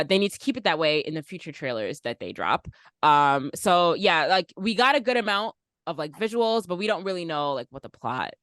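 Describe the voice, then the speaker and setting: A young woman co-hosting a casual podcast with friends. Her voice sits a little low yet moves all over as she talks, full of "like" and quick laughs. The sound is dry and close to the mic. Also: a bit bright, dry recording. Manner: chatty, laughs often, lots of "like". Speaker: podcast co-host. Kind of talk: casual chat.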